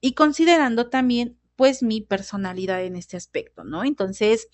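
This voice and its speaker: A woman teacher explains emotions in a relaxed, conversational way. She keeps checking in with her listeners as she talks. Her voice sits a little high and sounds dry and close. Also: moderate pace, no echo. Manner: conversational, tag questions like "¿no?" and "¿vale?". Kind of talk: lecture on emotions.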